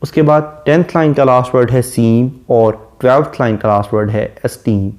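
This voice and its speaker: A man with a dark, mellow voice delivers a classroom lecture on poetry. He reads English verse slowly and deliberately, then explains each line in a calm, steady teaching tone. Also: medium pitch. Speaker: literature lecturer.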